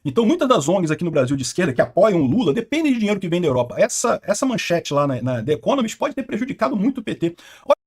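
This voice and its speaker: A man's voice: high voice, very animated, rapid-fire, husky. A Brazilian man hosting a political react video, commenting with indignant, scornful remarks. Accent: Brazilian Portuguese. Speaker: channel host reacting to news clips.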